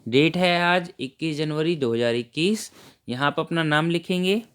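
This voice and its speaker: A man's voice: fairly high pitch, lively intonation, moderate pace, a bit bright, smooth. A man teaching a primary school worksheet lesson to children, friendly and explaining step by step.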